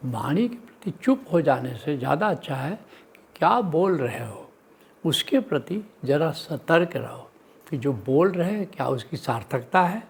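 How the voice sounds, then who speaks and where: A man giving a spiritual discourse as a teacher, listing points in a teaching cadence and chanting the sayings of saints in a slow sing-song. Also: a little high, vocal fry, slightly rough. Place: live teaching session.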